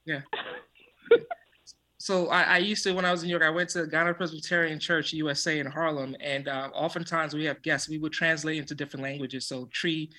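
A man's voice: on the high side, little pitch movement, pushed and bright. A man appearing as a physician guest on a radio show, telling stories in an earnest way and laughing easily. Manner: earnest, storytelling, quick to laugh. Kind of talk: casual radio conversation.

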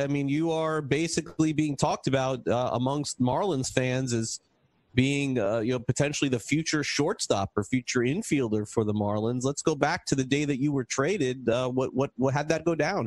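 A man hosting a sports podcast, interviewing a guest in a rambling, casual way with many restarts. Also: a little high. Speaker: podcast host.

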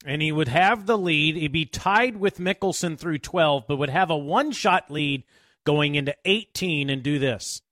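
A man's voice: a little high, normal speed, a bit bright, no room sound, studio quality. A man hosting a golf radio show, narrating recaps and addressing listeners. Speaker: radio sports show host. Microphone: close studio microphone, dry sound.

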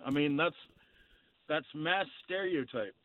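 Male phone-in caller, plain-spoken and halting, narrow telephone sound, slightly high voice. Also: no echo. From Ohio, United States. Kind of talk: casual call-in debate. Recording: tinny narrow phone line.

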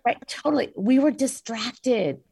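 A woman's voice: on the high side, lively intonation, a little slow, mellow, slightly rough. A woman guest in a casual talk, speaking with passion and emphasis and often asking "right?". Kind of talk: casual conversation.

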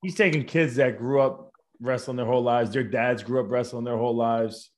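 A man's voice: mid-range voice, fairly even intonation, a little fast. An American man interviewing in a casual, bantering, slangy way, as one fighter to another. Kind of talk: casual chat.

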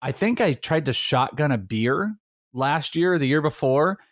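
A man's voice: a little high, animated, normal speed, no room sound, clean studio sound. A man hosting a podcast with casual, slangy, teasing banter. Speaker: podcast host.

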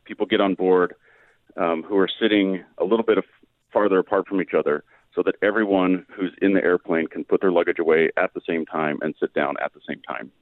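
Low-voiced guy on a crackly phone line cutting in and out, professor type, patient, lots of ums. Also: steady tone, brisk, no echo. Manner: patient, explanatory, with frequent "um"s. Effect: phone line that fades in and out. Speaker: guest physics professor. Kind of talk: explaining by phone on a radio show.

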